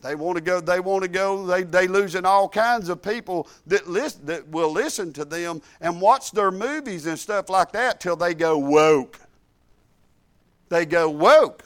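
A middle-aged man with a high voice speaks unhurriedly, giving a fervent and folksy testimony at church. Hallelujahs punctuate his sermon talk.

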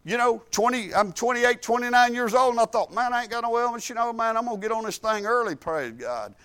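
High-voiced fervent middle-aged man preaching. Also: animated, brisk, fairly bright tone, clear, resonant tone. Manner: fervent, folksy, peppered with hallelujahs. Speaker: church speaker. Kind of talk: sermon testimony.

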